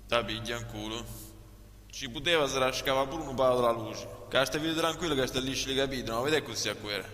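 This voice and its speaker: A man's voice: mid-range voice, a little fast, fairly bright tone, natural voice. A man voicing a crude, cocky southern Italian from Puglia who banters bluntly in dialect, in a comic film dub. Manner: vulgar, blunt street banter. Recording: echoey hall, faint hum and noise.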